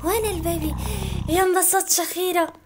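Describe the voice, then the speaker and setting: A woman, commenting on a video game as she plays, excitable and given to shrieks and laughs. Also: very high voice, a little fast, very noisy. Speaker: gamer. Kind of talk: let's play commentary.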